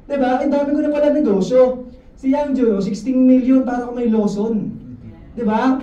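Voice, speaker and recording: A man giving a lively, joking motivational talk to his insurance sales team, often asking the room questions. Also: very high-pitched, normal speed, muffled recording. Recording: echoey room, mic at a distance, faint noise.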